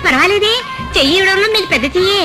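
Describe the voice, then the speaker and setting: A sassy, sharp-tongued daughter. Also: female voice, very high voice, racing, music in the background. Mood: pleading. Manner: snappy retorts. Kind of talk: comic film scene acting.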